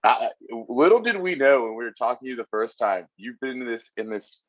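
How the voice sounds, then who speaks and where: A man's voice: mid-range voice, lively intonation, a little fast, no echo, highs cut off. A man co-hosting a casual interview, rambling and enthusiastic with lots of fillers. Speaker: podcast co-host.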